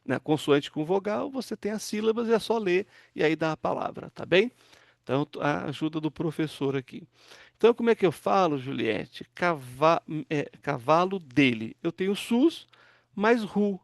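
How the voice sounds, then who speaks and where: A pastor teaching an online Hebrew class, patiently walking students through word forms and asking them to read aloud. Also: male voice, a little high, lively intonation, moderate pace, vocal fry, no echo, clean studio sound. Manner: patient, explains step by step, asks students to read.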